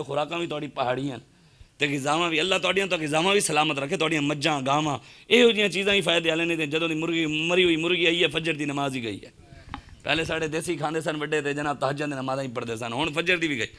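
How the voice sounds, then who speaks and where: A man preaching a fiery sermon, his Punjabi accent strong in every phrase. His voice sits a little high and cuts through with a very sharp, forceful edge. He keeps pressing his listeners with rhetorical questions. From Pakistan. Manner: impassioned, rhetorical questions to the crowd.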